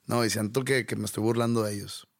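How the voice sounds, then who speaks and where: Casual co-host: northern Mexican man, low gravelly voice, dry close sound. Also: fairly even intonation, quick pace, no room sound. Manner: laid-back, playful, mimics accents. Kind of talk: casual chat.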